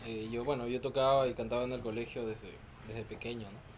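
A man's voice: mid-range voice, flat delivery, a little fast. A man speaking as a musician guest in a casual, informal interview chat. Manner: joking, informal. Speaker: band vocalist, podcast guest. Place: outdoor home terrace. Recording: noisy outdoor terrace ambience.

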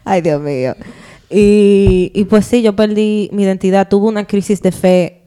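Young woman, animated storyteller, clear and smooth tone, casual testimony. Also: mid-range voice, a little slow. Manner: lively storyteller, playful and animated. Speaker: podcast co-host.

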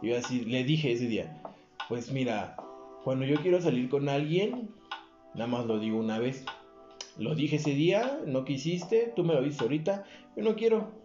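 Hombre mexicano contando anécdota, voz oscura. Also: male voice, medium pitch, animated, moderate pace, darkish tone. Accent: Mexican Spanish. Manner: crude slangy storytelling, acts out quoted voices. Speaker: podcast co-host telling a story. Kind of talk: casual chat. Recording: roomy, dull lo-fi audio with faint music.

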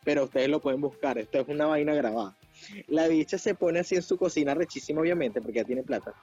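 A man with a Venezuelan accent, chatting casually on a podcast, slangy and animated, laughing often. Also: a little high, fast talker, husky. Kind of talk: casual chat. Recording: dull lo-fi sound with faint music.

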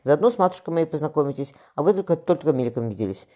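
A man's voice: a little high, lively intonation, quick pace, warm tone, voice pushed up. A man voicing an earnest, capable young apprentice boy who speaks eagerly and respectfully.

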